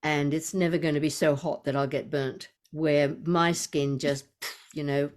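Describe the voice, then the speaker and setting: Speaking unhurriedly in a low-pitched voice with fairly even intonation, a podcast host in her seventies leads a conversational interview. She has an Australian accent, a chatty manner, an easy laugh and a habit of rambling asides.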